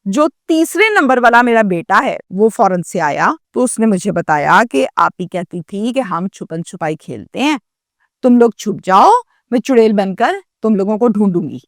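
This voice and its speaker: A woman's voice: medium pitch, lively intonation, no room sound, clean studio sound. A woman narrating a true story in the first person, dramatic and acting out the quoted dialogue.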